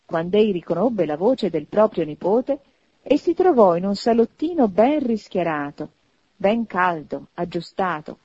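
A woman giving an expressive audiobook narration of a classic novel. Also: fairly low pitch, vocal fry, husky, dry recording, dull audio. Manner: expressive, animated reading.

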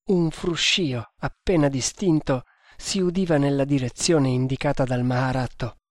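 A man reading an adventure novel aloud as an audiobook narrator, in a measured, suspenseful manner. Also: mid-range voice, steady tone, no echo, clean studio sound.

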